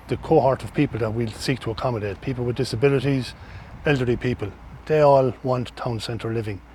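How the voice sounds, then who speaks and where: A man's voice: medium pitch, darkish tone, slight background noise. A middle-aged man with an Irish accent giving earnest, explanatory interview answers, often repeating and restarting phrases. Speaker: interviewee, social housing organisation representative.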